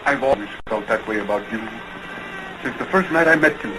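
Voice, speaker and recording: A man's voice: mid-range voice, expressive, brisk, background noise, natural voice. A man playing an earnest, tormented lover in an early talkie film melodrama, speaking in a clipped, restrained way. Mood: earnest, tender. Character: earnest, tormented man in love, about to leave. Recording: 1920s film soundtrack with loud music.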